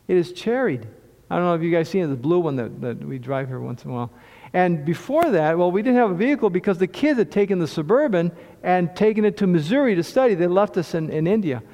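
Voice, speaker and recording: A middle-aged man preaches a personal testimony in a church hall, his slightly high voice carrying a long reverb. He talks in a chatty, storytelling way, often stumbling and restarting his phrases. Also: brisk, warm tone. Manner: conversational storytelling with repeated restarts. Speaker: lay preacher sharing testimony. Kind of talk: sermon testimony.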